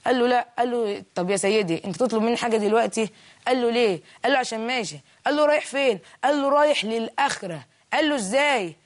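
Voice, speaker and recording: Egyptian accent, rapid delivery, religious storytelling talk, explains each phrase as it goes. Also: mid-range voice. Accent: Egyptian Arabic. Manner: retells a moral tale, then explains each phrase. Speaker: religious speaker.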